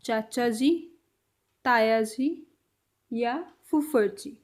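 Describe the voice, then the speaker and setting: A woman with a high voice teaches a language lesson. She speaks in an unhurried way and repeats every word slowly and carefully, as if for beginners. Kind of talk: slow vocabulary lesson.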